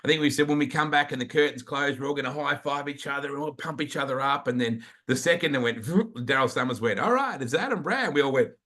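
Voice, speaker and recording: An Australian man interviewing a friend, telling stories chattily and getting animated when he recalls them. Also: medium pitch, fast, hardly any pauses. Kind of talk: casual chat interview.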